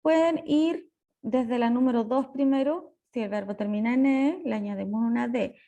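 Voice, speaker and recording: High, gravelly woman teacher explaining. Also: warm tone, dull audio. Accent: Chilean Spanish. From Chile. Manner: patient step-by-step explaining, slows on key words. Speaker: English teacher. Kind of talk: recorded lesson explanation.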